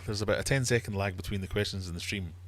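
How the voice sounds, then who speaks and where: Soft background music plays as this middle-aged quizmaster from Glasgow races through a casual, rambling livestream chat, reading viewer comments. He has a Glaswegian Scottish accent and a fairly low, slightly bright voice.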